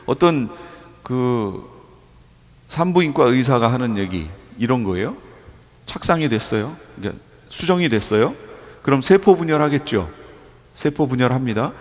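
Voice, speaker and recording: A male pastor preaching a sermon, explaining step by step with everyday examples and putting rhetorical questions to his congregation. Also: mid-range voice. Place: church sanctuary. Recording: long reverb of a church hall.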